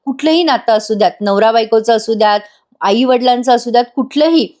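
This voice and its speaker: Brief: chatty woman narrator recapping a TV serial, fairly high voice. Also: fairly quick, a little mellow. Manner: chatty, addressing viewers directly. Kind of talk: voice-over episode recap.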